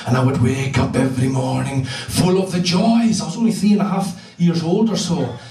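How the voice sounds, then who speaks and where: Hebridean Scottish man doing stand-up. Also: on the high side. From Isle of Lewis, Scotland. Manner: profane, deadpan storytelling. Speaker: stand-up comedian. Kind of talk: stand-up comedy. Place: live comedy venue. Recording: echoey club room from far off.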